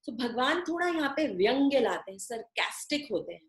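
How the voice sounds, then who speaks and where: A woman with a fairly high voice gives a devotional scripture lecture. She explains patiently, repeating key phrases for her listeners. The sound carries a noticeable echo of the room around her. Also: big pitch swings. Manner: explains slowly with repetition, chants Sanskrit verses. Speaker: scripture teacher.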